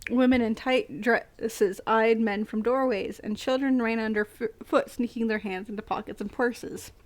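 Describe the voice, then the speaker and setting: A woman's voice: on the high side, no room sound. An American woman reading a novel aloud on a live stream, often stumbling over words, laughing and breaking off to chat. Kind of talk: casual read-aloud with chat. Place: home streaming setup.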